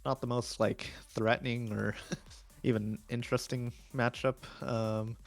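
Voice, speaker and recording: A man giving live esports draft analysis, chatty and opinionated with many fillers, his voice going hoarse. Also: medium pitch, level tone, measured pace, faint music behind. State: losing his voice.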